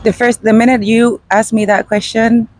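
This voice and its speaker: A woman from Guatemala, interviewed outdoors in front of a restaurant, answering in a halting, hesitant way with many pauses and fillers. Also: on the high side, level tone, a little mellow, low-quality recording. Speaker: interview guest. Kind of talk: unscripted street interview.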